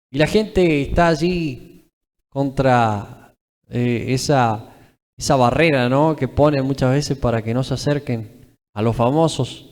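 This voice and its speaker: A man's voice: on the high side, darkish tone. A young man with an Argentine accent preaching emphatically at a live church service, often tagging his phrases with a questioning "eh". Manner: emphatic, repetitive, tags phrases with "¿eh?". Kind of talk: live sermon. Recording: reverberant church hall.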